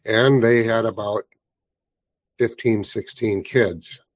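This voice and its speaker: A man hosting a conversational interview, telling anecdotes in an unhurried, relaxed way. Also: on the low side, dry recording.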